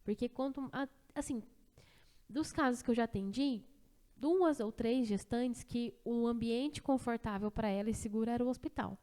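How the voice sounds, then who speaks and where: A woman's voice: fairly high pitch, moderate pace, mellow. A woman hosting a podcast who attends births, giving reassuring advice and asking her guest questions. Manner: reassuring, advising. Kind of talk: casual interview.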